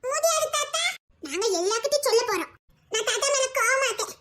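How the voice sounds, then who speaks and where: A woman's voice: expressive, fast talker, a bit bright. A woman voicing cheeky little children who giggle and tattle in a comic family skit. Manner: squeaky, giggling childlike chatter.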